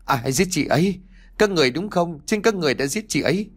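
A woman's voice: low voice, animated, fast, pitched above the performer's own voice. A man voicing a fierce grieving young village woman. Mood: accusing. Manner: emotional, raised outbursts.

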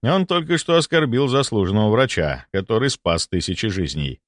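A man's voice: lowish voice, normal speed, dry recording, studio quality. Dramatic male audiobook narrator. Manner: dramatic, expressive reading. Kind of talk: first-person scripted narration.

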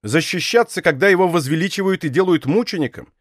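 A man reading a bold, calm musketeer captain in an audiobook, speaking with dry irony. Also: high voice, quick pace, no room sound, pitched above the performer's own voice. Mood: ironic.

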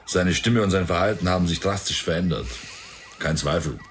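An actor playing the detective's mocking sidekick friend in a radio drama. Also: male voice, low voice, a little fast, a little hiss or hum. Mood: teasing.

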